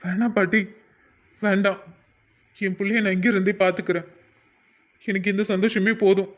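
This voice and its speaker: A man's voice: sits high, little pitch movement, moderate pace, natural voice. Fields: Figure: sorrowful young father voiced by a man. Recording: lo-fi. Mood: pleading. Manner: soft, pleading, emotional. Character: heartbroken young father, gentle and sad. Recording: dull lo-fi recording.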